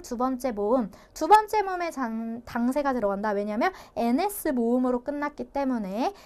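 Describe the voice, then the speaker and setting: A young woman teaching an online language lecture, explaining step by step and repeating key points with playful asides. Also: high voice.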